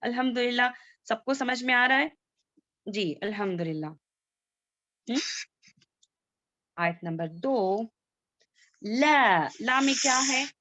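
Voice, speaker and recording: A woman teaching Quran recitation in an online class, asking students questions and slowly drilling sounds. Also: a little high, expressive, a bit bright, dry recording. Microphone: video call. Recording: dull lo-fi video call audio.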